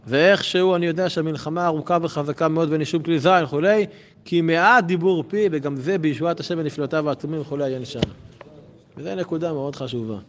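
A man leads a religious lesson in a relaxed, conversational way. He poses rhetorical questions and lifts his voice on the points that matter. His speaking voice sits a little high for a man. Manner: conversational, with rhetorical questions and sudden emphatic rises. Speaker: religious teacher. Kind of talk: Torah lesson to a group.

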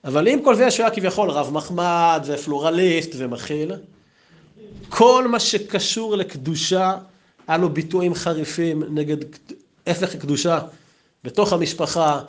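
A man giving an anecdotal memorial talk as a yeshiva teacher, telling stories in a lively way. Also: a little high. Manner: lively, storytelling, acts out quotes.

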